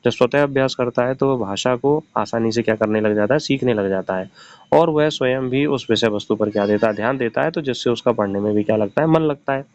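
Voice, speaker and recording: A male teacher of middling pitch delivers an exam-prep lecture at a steady, patient pace. He keeps asking his students a question and then answering it himself, and he repeats each point in plainer words. The recording sounds slightly dull and lo-fi. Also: brisk, no echo. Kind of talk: recorded classroom-style lecture.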